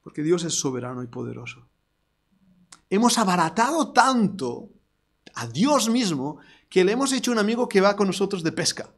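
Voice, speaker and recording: A man preaching a sermon with an accent from Spain, animated and emphatic, breaking into loud declarations and joking asides to his congregation. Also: high voice, normal speed. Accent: Spain Spanish. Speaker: pastor. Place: church service before a congregation.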